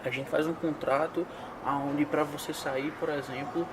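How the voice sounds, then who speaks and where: A man's voice: fairly high pitch, steady tone, measured pace, background noise. A man, hosting an interview and probing with questions laid out step by step. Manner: probing, lays out cases step by step.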